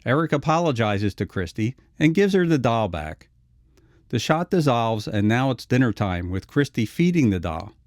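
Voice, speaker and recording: A man's voice: mid-range voice, no room sound, studio quality. A man narrating a scripted retrospective video essay.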